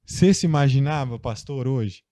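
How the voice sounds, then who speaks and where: A man's voice: mid-range voice, animated, moderate pace, warm tone, no room sound, clean studio sound. A young Brazilian man, a guest in a casual interview, telling a personal story in a loose, chatty way full of fillers. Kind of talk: casual conversation.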